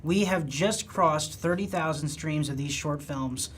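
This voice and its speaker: A host of a live stream, announcing results and schedules in an upbeat, casual way with fillers. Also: male voice, on the high side, unhurried, heavy background noise.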